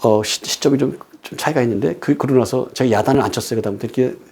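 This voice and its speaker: A man preaching a sermon, who talks emphatically, asks rhetorical questions and moves between loud stresses and quiet storytelling. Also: mid-range voice, rapid-fire, breathy edge.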